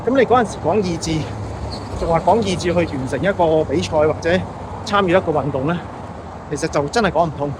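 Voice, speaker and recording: A man with a fairly high voice and a Hong Kong Cantonese accent chats off the cuff like a vlogger. He talks conversationally, tossing in rhetorical check-in questions. Faint outdoor traffic noise sits behind him. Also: a little fast. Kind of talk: unscripted casual monologue.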